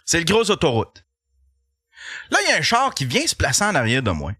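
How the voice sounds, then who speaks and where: A man with a Québécois accent, a podcast host telling a comic story in an animated, profane way and laughing as he goes. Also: a little high, brisk, husky, no room sound. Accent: Québécois French.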